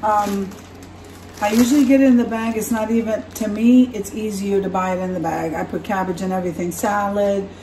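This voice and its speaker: A female vlogger with a mid-range voice speaks fairly quickly as she unpacks and shows her groceries in her home kitchen, chatting in a relaxed way and correcting herself. The camera sits far off across the counter, so the kitchen sounds echoey, with a little hiss or hum.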